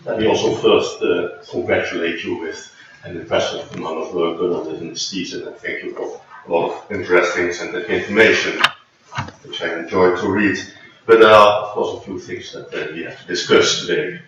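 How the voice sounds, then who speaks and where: A man speaking as a thesis examiner, formally addressing a candidate in measured phrases with some repeated words. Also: deep voice, fairly even intonation, fairly bright tone. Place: large echoey room. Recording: echoey hall, distant mic, dull, faint noise.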